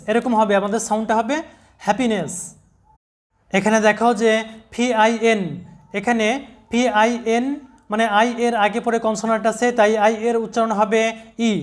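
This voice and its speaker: Patient teacher spelling words aloud. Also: medium pitch. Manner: patient, spells words letter by letter and repeats them. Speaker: English pronunciation teacher. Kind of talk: step-by-step spelling lesson.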